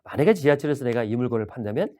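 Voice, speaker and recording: A man giving a sales training lecture, speaking in an animated way and asking his audience questions. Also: medium pitch, racing. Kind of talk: video lecture.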